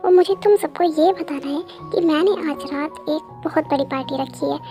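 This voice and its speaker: A woman voices a proud, commanding mother who scolds her grown children. The voice is very high with a mellow tone. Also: moderate pace, faint music behind. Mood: bossy. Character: bossy middle-aged mother, proud.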